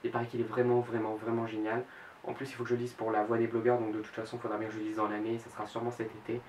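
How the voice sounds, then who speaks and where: A young man in his late teens talks through his reading plans in a casual home vlog, pausing often on fillers and correcting himself. His middle-pitched voice sits back from the mic in an echoing room, with a faint hiss underneath. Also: monotone, darkish tone. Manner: hesitant, frequent fillers and self-corrections. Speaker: book blogger. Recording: roomy echo, mic at a distance, faint background hiss.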